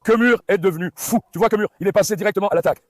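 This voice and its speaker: A man talking casually in a vlog while coaxing and calming his dogs on a farm. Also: high-pitched, racing, no echo. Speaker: farm dog owner and vlogger.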